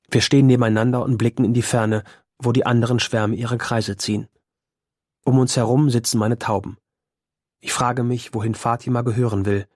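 A man narrating a first-person novel in a measured, quiet storytelling manner. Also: mid-range voice, no echo, studio quality. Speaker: audiobook narrator.

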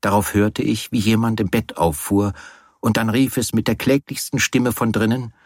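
Husky, low-voiced male audiobook narrator. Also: steady tone, a little mellow, dry recording, clean studio sound. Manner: measured, wry first-person storytelling.

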